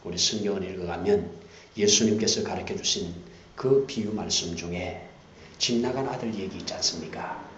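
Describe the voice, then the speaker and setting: A man pastor preaching a sermon, swinging from hushed whispers to loud emphatic lines and repeating key phrases for emphasis. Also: low-pitched, normal speed. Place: church sanctuary. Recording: dull roomy church recording with faint hiss.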